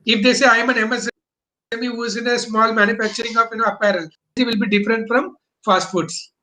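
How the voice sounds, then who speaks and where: A man's voice: very high-pitched, fairly even intonation, quick pace, sharp tone, rough recording. A man from Bangalore, explaining business as an interview guest in emphatic, choppy phrases with rhetorical questions. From Bangalore, India.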